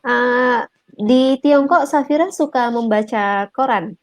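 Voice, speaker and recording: A woman's voice: fairly high pitch, takes it slowly, dry recording. A woman with an Indonesian accent hosting an online interview, repeating and simplifying words for language learners. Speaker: host, interviewer. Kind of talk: online talk show interview.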